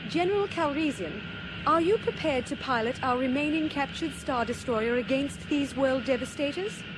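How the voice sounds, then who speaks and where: An actress playing a determined rebel princess and leader in an audio drama, speaking earnestly and articulately. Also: female voice, high voice, animated, moderate pace, noisy background. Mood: resolute. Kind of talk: audio drama acting over orchestral score.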